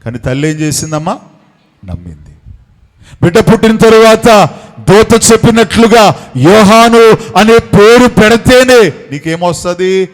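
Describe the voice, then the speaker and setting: A man in his thirties, a pastor preaching a sermon with fervent delivery, often dropping low and soft for emphasis. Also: expressive, measured pace, long pauses. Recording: reverberant hall.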